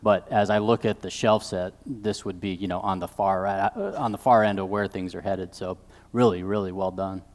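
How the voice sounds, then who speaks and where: Direct male judge, low voice, hall reverb. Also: fairly even intonation, moderate pace, few pauses. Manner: direct, emphatic advice. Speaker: competition judge. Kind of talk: off-the-cuff panel critique.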